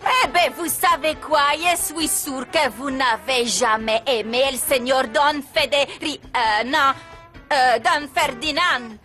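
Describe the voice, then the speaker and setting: A woman voicing a mistreated maid who talks back to her rich boss, slowly and with exaggeration, in a dubbed telenovela. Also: sits high, pushed and bright, faint music behind, voice pushed down, full character voice. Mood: defiant. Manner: slow and defiant, exaggerated.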